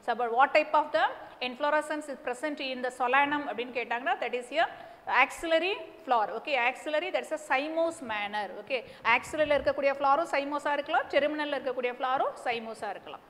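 High-pitched, very fast South Indian Tamil woman teacher. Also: fairly bright tone. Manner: repetitive, emphatic explaining with frequent check-in words. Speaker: botany teacher. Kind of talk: classroom lesson mixing English and Tamil. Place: indoor teaching studio beside a display board. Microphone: lapel mic. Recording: echoey room with clear background noise.

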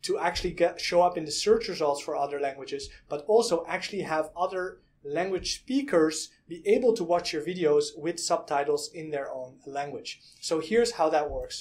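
A Dutch-speaking man in his thirties, a product reviewer, walks through a software demo on screen share, explaining each step plainly and steadily with frequent "uh" and "um". His voice is a touch high for a man, and he records on a desk webcam in a small room.

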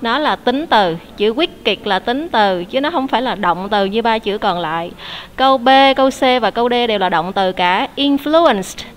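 A woman's voice: mid-range voice, expressive, normal speed. A woman teacher, leading an online English class, explaining answers patiently and quizzing her students.

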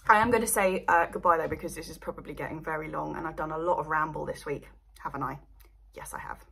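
Chatty rambling woman, husky. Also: sits low, steady tone, quick pace, pushed and bright. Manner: chatty, rambling, laughs often. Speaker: allotment vlogger. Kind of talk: casual chat to camera. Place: indoors at home by seedling light box.

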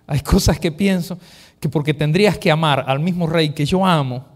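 A male pastor preaching a sermon, telling the story with lively acted-out voices and dropping to a hushed near-whisper for emphasis. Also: on the high side, normal speed. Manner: animated storytelling, acting out quoted voices.

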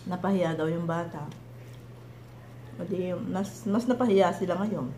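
A woman's voice: fairly low pitch, a little slow, warm tone, roomy sound, slight background noise. A woman with a Filipino accent chatting casually between bites, her mouth full, rambling and trailing off into fillers. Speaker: mukbang vlogger. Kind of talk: casual chat while eating.

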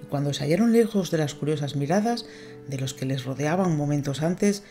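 A woman narrating an audiobook, reading a novel in a measured, expressive way. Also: low voice, soft background music.

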